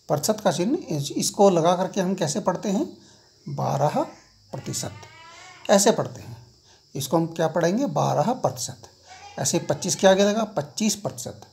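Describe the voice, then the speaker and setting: A man's voice: sits high, a little mellow. A middle-aged man teaching a school maths lesson, repeating key points and asking his students questions as he explains.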